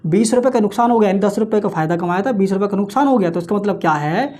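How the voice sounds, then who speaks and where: In an exam-prep maths lecture, a man chants times tables quickly while solving sums and addresses his audience as friends nearly every phrase. He asks questions, then answers them. His voice is high with a darkish tone.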